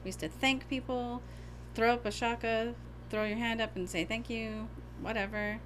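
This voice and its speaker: A middle-aged woman co-hosting a podcast with her daughter, chatty and self-deprecating with quick asides. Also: a little high, fairly even intonation, fairly bright tone, slight background noise, poor audio. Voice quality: hard of hearing. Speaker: co-host, mother. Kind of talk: casual podcast chat.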